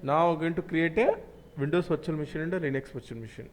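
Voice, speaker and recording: A man's voice: a little high, poor audio. Man teaching a live online class. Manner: repetitive, halting explanations. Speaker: cloud computing instructor. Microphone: computer mic on a video call.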